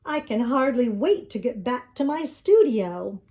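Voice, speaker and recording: A woman's voice: on the high side, animated, measured pace, darkish tone. A woman voicing a kindly young male artist who muses thoughtfully aloud, in a children's storybook reading. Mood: inspired.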